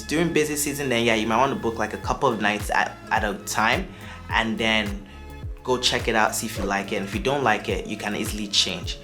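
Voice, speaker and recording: Speaking to camera with a sharp tone and medium pitch, a young man from Nigeria shares upbeat travel tips as a vlogger. His Nigerian accent shifts toward American, and his chatty delivery includes asides and restarts.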